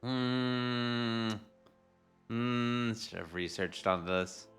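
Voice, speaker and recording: A man's voice: medium pitch, extremely slow, a bit bright, clean tone, soft background music. A man streaming a video game live, reading its dialogue aloud and muttering casual asides.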